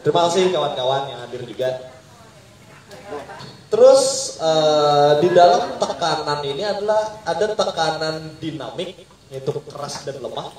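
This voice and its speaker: A man's voice: a little high, expressive, unhurried, a crowd in the background. A man leading an informal poetry reading workshop, quizzing the group in call-and-response. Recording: echoey room, mic far off.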